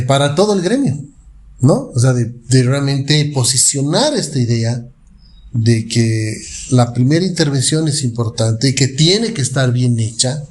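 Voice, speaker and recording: Man, interview host, reflective, mid pitch. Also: a little mellow. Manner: reflective, hedging with ¿no?. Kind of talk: interview conversation.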